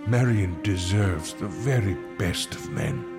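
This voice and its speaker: An actor playing a kindly, wry medieval friar who speaks in a measured, pastoral, gently reproving way in an audio drama. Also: male voice, sits low, lively intonation, gravelly, over loud music, full character voice. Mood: grave. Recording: long reverberant hall.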